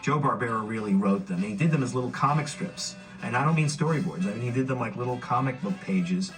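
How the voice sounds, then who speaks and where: A man's voice: mid-range voice, expressive, fast. Matter-of-fact man explaining. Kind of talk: documentary interview. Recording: distant mic with faint music.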